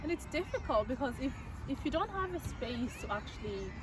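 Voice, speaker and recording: A woman's voice: high voice, very animated, brisk. A woman talking conversationally in an earnest, reflective way. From Ireland. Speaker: community network co-founder. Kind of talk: conversational personal talk. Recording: noisy outdoor urban recording, distant mic.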